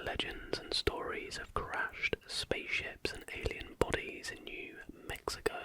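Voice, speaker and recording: Whispering from beginning to end, this ASMR host has a very high-pitched sound carried on breath instead of voice. The pacing is gentle and unhurried, following a script in the manner of a documentary read.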